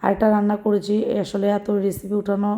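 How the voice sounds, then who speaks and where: A young woman with a hoarse, very dark, mellow voice narrates a home cooking vlog. She talks in a homely, chatty way and keeps her pitch flat and even as she walks through each step. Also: fast. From Bangladesh. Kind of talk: casual voice-over narration of a daily vlog.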